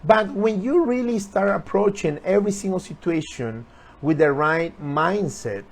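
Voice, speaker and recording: High-voiced earnest motivational man. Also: unhurried, vocal fry. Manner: earnest, repetitive, urging viewers. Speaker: motivational speaker. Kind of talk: motivational talk on a live stream.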